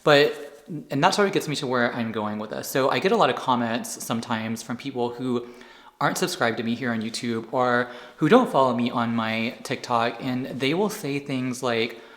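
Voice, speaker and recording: A man's voice: medium pitch, moderate pace, a bit bright. A man talking casually to camera as a skincare creator, rambling and correcting himself as he explains, then patiently defending his point. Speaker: skincare YouTuber.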